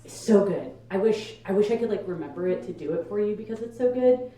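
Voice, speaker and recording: A woman's voice: medium pitch, fast, warm tone. A young adult woman performing a stand-up comedy set in a casual, conversational, emphatic way to an audience. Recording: echoey live room, distant microphone. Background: audience laughter.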